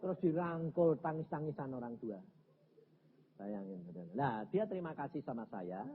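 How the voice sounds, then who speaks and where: A male evangelist, preaching a sermon as a dramatic story and swinging from low murmurs to shouts. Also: very animated, normal speed. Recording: tinny lo-fi recording with faint background hiss.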